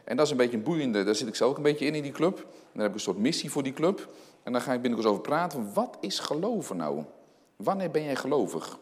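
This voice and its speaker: Lively man preaching in an echoing hall. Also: mid-range voice, fast. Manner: animated, asks many rhetorical questions. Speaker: lay preacher. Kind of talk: sermon with scripture reading. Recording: long hall reverb.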